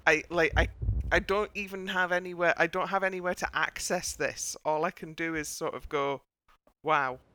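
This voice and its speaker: A woman's voice: fairly low pitch, fairly even intonation, normal speed, sharp tone. A woman from Northern England with a Northern English accent, hosting a casual podcast chat in a rambling way, full of fillers. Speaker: podcast host.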